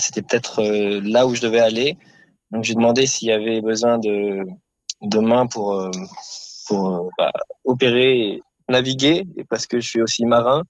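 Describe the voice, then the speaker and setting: A man speaking as an activist sailor gives a spontaneous personal account in an interview, halting and reflective as he hunts for words. His voice is on the low side, and the low-quality recording has no echo.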